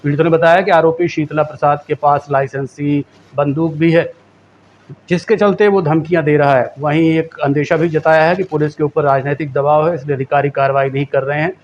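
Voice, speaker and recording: A man reading a local news bulletin in a steady, formal voice. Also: on the high side, a little fast, highs cut off, a little hiss or hum. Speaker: news anchor.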